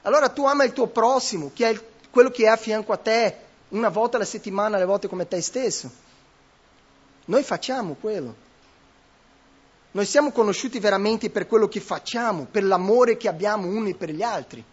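A man with a high, husky voice preaches a sermon with emphatic rhetorical questions and frequent self-corrections. The recording is dull and lo-fi. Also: a little fast.

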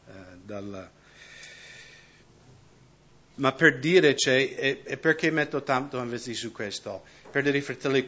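A man preaching a conversational sermon who keeps checking in with the congregation with quick tag questions. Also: mid-range voice, fairly bright tone, dull audio. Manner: keeps asking the congregation "no?" and "giusto?".

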